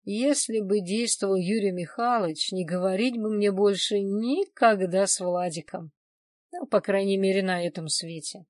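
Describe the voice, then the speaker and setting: A woman narrating a first-person crime novel in an even, measured reading voice at a close studio mic. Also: mid-range voice, dry recording. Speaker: audiobook narrator.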